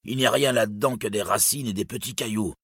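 A man's voice: on the low side, fast talker, fairly bright tone, breathy edge, no echo, clean studio sound, voice pushed up. A man voicing a male outlaw who speaks in a contemptuous way. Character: scornful male outlaw searching a sack.

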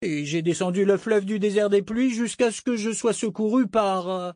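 Casting: male reader as a pompous, scared governor, high-pitched and babbling. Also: normal speed, darkish tone, no echo, studio quality, natural voice. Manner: babbling, whining. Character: frightened, pompous captive governor, man.

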